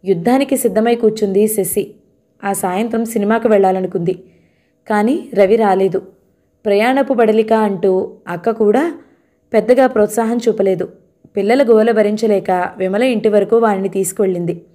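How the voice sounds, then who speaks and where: A woman narrating a novel in a calm, even storytelling manner. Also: medium pitch, normal speed. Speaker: audiobook narrator. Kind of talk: novel reading.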